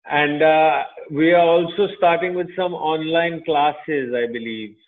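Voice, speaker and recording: A man's voice: on the high side, steady tone, a little slow, slight background noise. A man with an Indian accent hosting a casual podcast interview in informal, friendly slang. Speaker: podcast host interviewing a guest. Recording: thin phone-like call audio.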